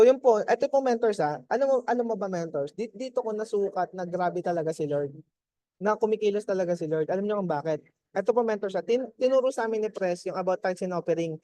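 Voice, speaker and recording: A man gives a motivational testimony to his team, mixing languages as he talks. His voice is mellow and warm, and the sound is close and dry. He chats freely and keeps checking in with his listeners. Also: high voice, dry recording. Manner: chatty, keeps checking in with "di ba?" and laughs.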